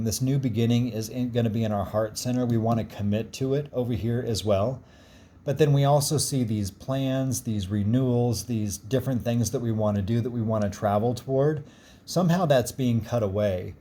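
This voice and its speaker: A man with a gruff voice explaining a card reading in a casual, reassuring and encouraging way. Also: mid-range voice, dark tone. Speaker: card reader.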